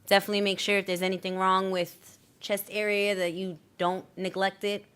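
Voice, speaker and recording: A woman's voice: mid-range voice, flat delivery, fairly quick, fairly bright tone, clean tone. Chatty woman podcast host. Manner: chatty, trips over words. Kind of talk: casual interview chat.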